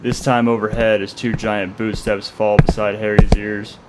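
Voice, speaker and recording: Low, flat-voiced male storyteller. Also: a little hiss or hum. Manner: steady, flat, measured delivery. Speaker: narrator. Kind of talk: scripted story narration.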